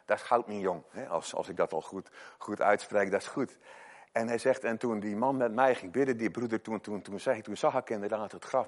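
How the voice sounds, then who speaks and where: A male preacher delivers a sermon built on personal stories. He talks emphatically, pressing some words loudly and dropping others to a hush. His voice sits at an ordinary middle pitch for a man. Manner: emphatic, swings from loud to hushed.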